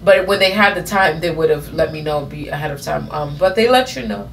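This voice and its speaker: A woman's voice: deep voice, a little fast, creaky, a little hiss or hum. A woman in her thirties telling a personal story in a casual vlog, rambling with many fillers and self-corrections. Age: 30s. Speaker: vlogger.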